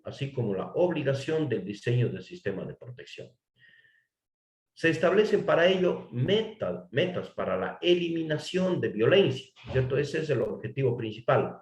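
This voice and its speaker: A man from Ecuador, giving a formal legal lecture in a measured way, restating phrases and asking rhetorical questions. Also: mid-range voice, a little mellow, reverberant. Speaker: course lecturer.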